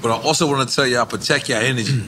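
American guy podcast host, loud opinionated ribbing, bright punchy voice, some room noise behind him. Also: mid-range voice, rapid-fire. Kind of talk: casual podcast conversation.

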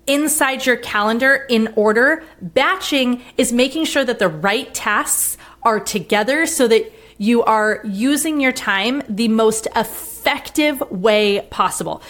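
Upbeat woman giving advice, higher-pitched voice. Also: a bit bright. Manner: upbeat, encouraging, tidy explanatory delivery. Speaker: podcast host and coach. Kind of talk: upbeat advice podcast and class promo.

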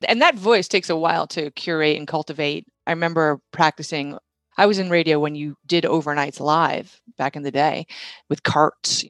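Woman, 40s, interview guest, animated storytelling, dry close recording. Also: sits low, normal speed, dry recording. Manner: animated, laughs often, says "like" and "right".

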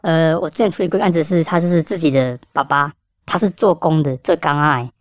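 A man with a Taiwanese Mandarin accent, a police officer telling stories in a rapid, animated way, mixing in Hokkien phrases. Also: on the high side, dry recording. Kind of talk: casual storytelling.

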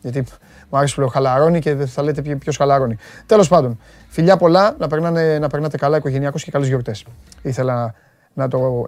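Guy hosting a sports show, loud rough voice, chatty and teasing, dry studio sound. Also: medium pitch, no room sound. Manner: chatty, teasing, jokey asides to viewers. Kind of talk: casual live sports talk.

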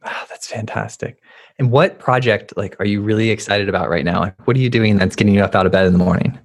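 A man's voice: lowish voice, fast, gravelly. A man hosting an interview, chatting casually and often saying "like". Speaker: interview host. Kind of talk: conversational interview.

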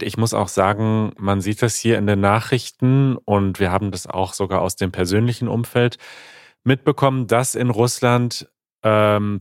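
Deep-voiced serious man podcast co-host. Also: no room sound, studio quality. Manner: serious, measured, with fillers like "äh". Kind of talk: conversational podcast talk, reading listener messages aloud.

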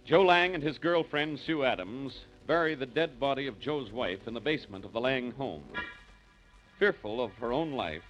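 A man's voice: mid-range voice, lively intonation, normal speed, fairly bright tone. Man announcing an old radio show. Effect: old radio broadcast sound. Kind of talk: 1940s radio announcing, recap narration. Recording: dull lo-fi old radio recording with music. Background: music.

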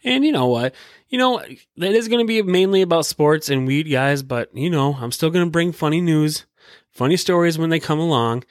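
A man's voice: a little high, moderate pace, dry recording, studio quality. An American man hosting a solo podcast with casual, rambling sports commentary, repeating himself and swearing freely in slangy talk. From Michigan, United States. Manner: rambling and repetitive. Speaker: podcast host.

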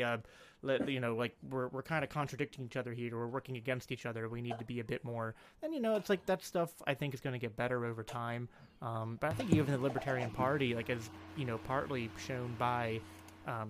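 A man in a casual political discussion, rambling with many fillers and restarts. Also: medium pitch. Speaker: podcast guest.

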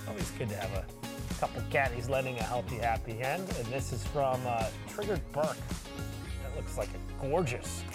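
A man's voice: medium pitch, normal speed. Male golf commentator over music. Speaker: golf TV show host and commentator. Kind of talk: golf commentary and studio show chat. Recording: music bed under the voice.

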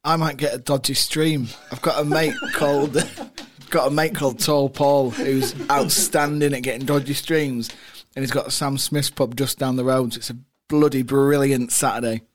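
A man's voice: mid-range voice, fairly even intonation, moderate pace, crowd noise. A man in his thirties making casual, jokey football chat as a podcast panellist. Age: 30s.

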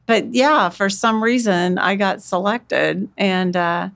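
A woman from talks as a guest on a podcast. Her voice sits at a middle pitch. She tells stories in an animated, folksy way and slips into quoting other people. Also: slow, gravelly. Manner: folksy, expressive, uses quoted dialogue. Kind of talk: animated conversational storytelling.

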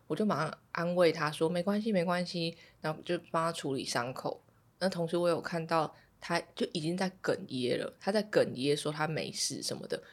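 A woman in her thirties from Taiwan, hosting a podcast and telling a calm, reflective story about her son in casual chat. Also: sits low. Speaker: podcast host.

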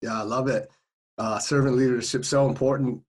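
A man's voice: mid-range voice, steady tone, fairly quick. A man hosting a podcast, chatting casually with a guest and using lots of fillers. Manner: friendly, many fillers like "you know" and "like". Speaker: podcast host. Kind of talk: casual interview chat.

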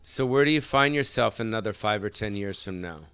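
A man hosts a rowdy talk show, teasing his guests and swearing without a second thought. His voice is bright and forceful, smooth in tone, and sits dry and close to the mic. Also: fairly low pitch, fairly quick, no room sound. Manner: brash, teasing, swears freely. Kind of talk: loose joking talk show chat. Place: studio van with guests.

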